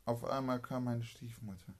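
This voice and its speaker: A man telling a made-up story off the cuff, halting and correcting himself as he goes. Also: mid-range voice, fairly even intonation. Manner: halting, with restarts and self-corrections. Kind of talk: improvised spoken story with character voices.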